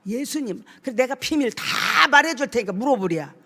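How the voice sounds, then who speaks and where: A woman associate pastor preaching a fervent sermon with a personal testimony, declaring and shouting with emphasis. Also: a little high, lively intonation, moderate pace. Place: church sanctuary. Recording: long reverb of a church hall.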